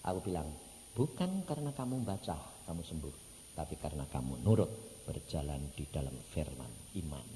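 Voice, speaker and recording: A man preaching a sermon in an animated, storytelling way, acting out the voices of the people in his stories and swinging from loud to soft. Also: extremely low pitch, brisk, slight background noise. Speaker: evangelist preacher. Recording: church hall reverb, faint ambience.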